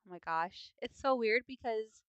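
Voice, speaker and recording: A woman's voice: fairly high pitch, animated, normal speed, clear, resonant tone, no echo, lo-fi sound. A young woman with a sniffly nose giving chatty, playful commentary on a video game at home, now and then breaking into bits of song. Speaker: gaming video host. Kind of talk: casual gameplay commentary.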